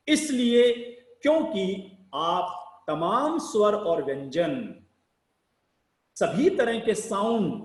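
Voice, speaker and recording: A man teaching public speaking in a slow, deliberate lecture, asking rhetorical questions and spelling out sounds one by one. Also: high-pitched, roomy sound, rough recording. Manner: rhetorical questions, emphatic rises and sinking ends.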